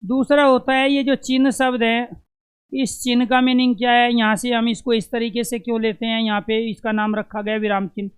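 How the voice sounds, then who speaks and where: A man's voice: extremely high pitch, little pitch movement, normal speed, clean tone. A man teaching an exam-prep lesson, who asks questions and answers them himself and repeats the key terms to drill them in.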